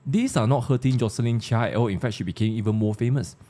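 This discussion host, a Malaysian-accented man, keeps a casual panel conversational while quizzing his co-panelists. He talks quickly in a mid-range voice with a dark tone.

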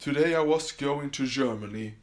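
Recording from his summer house, this Swedish podcast host talks alone and casually, with a Swedish accent and lots of fillers and false starts. He speaks at a moderate pace in a mid-range voice.

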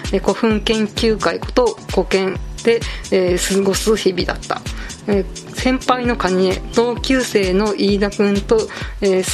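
A woman around forty chats her way through a solo podcast, her voice carrying a gravelly fry. Her pitch sits at an ordinary middle height. Her talk is loose and full of fillers, and faint music plays underneath. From Kanto region, Japan. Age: late 30s to 40s. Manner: chatty, frequent fillers and asides, self-deprecating fan talk. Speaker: podcast host. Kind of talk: casual solo podcast talk, manga review.

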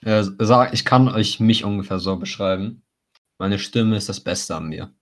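A young man with a low voice and a smoker's rasp chats casually on a podcast. He teases his co-host and drops English slang into loose, informal banter. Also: moderate pace. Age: teenager or young adult. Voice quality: raspy, like a smoker's voice.

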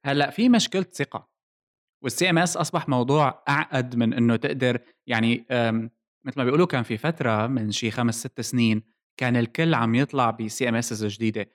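Male podcast host, Levantine Arabic accent, medium pitch, brisk delivery, casual explainer mixing English tech terms.

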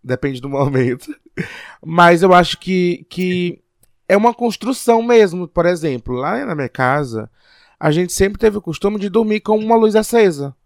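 A man talks casually on a podcast, reflective and a little hesitant as he thinks aloud. His voice sits a touch high. The sound is dry and close, with no room around it. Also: expressive, normal speed, no echo. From Piauí, Brazil. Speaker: podcast co-host.

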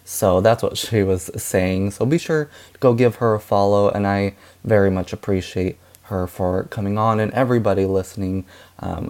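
A man hosting a podcast and wrapping up the episode in a relaxed, chatty way with lots of fillers and laughs. He says he is losing his voice. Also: deep voice, vocal fry. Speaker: podcast host. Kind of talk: casual podcast chat and outro.

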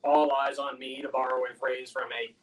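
A man's voice: medium pitch, normal speed, recorded from a distance, noisy background. Earnest man telling stories, set back from the mic. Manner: animated storytelling, earnest. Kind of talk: casual faith conversation.

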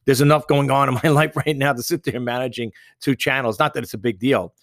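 A man's voice: mid-range voice, fairly even intonation, brisk, fairly bright tone, no room sound, clean studio sound. A middle-aged man hosting a casual podcast, talking frankly and rambling with lots of restarts and repeated phrases. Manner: reads a letter aloud. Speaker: podcast host.

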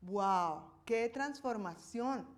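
A woman's voice: medium pitch, animated, extremely slow. A woman preaching a sermon in a conversational way, checking in with her listeners and pressing her points with emphasis.

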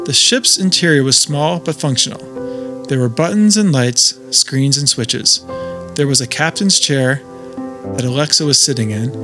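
A man narrating a children's adventure story in a steady, scripted way. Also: fairly high pitch. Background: music.

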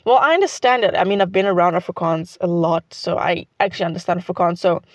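A teenage South African girl whose first language is Xhosa talks fast in a fairly low voice, her South African accent clear. She's a student vlogger rambling casually and saying "like" constantly, on a lo-fi recording with no room sound.

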